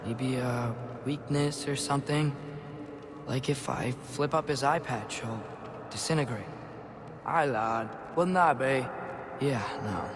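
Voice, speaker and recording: An actor playing an earnest, sometimes playful teenage demigod in video game dialogue. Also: male voice, mid-range voice, a little slow, background noise, lightly acted.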